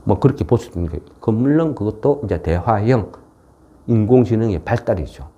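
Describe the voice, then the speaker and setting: A stock market commentator with a lowish, mellow voice talks a little fast and animatedly in a regional, non-Seoul South Korean dialect. His market lecture is informal and explanatory, delivered in a folksy way and often tagged with rhetorical questions.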